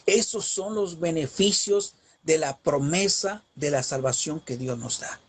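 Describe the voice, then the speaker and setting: Husky-voiced man preaching emphatically. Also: on the high side, a little slow. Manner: emphatic, rising preaching cadence with rhetorical questions. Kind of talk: Bible teaching.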